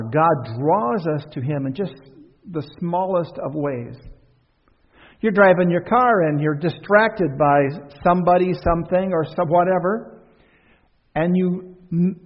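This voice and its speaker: In a church sanctuary, a male pastor with a husky, higher-pitched voice delivers a conversational sermon, posing rhetorical questions to the congregation as his voice swells and drops. The recording sounds dull, with the reverberation of a church hall.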